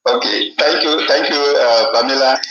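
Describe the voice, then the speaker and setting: A man from Cameroon, heard over a phone on speakerphone as a guest author, answering in a deliberate, reflective way. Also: medium pitch, pushed and bright. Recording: roomy, muffled speakerphone call.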